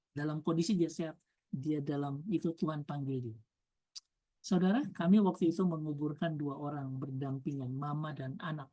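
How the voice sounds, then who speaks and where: Low-voiced woman preaching a testimony sermon. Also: dark tone. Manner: storytelling, rising emphasis, repeated lists.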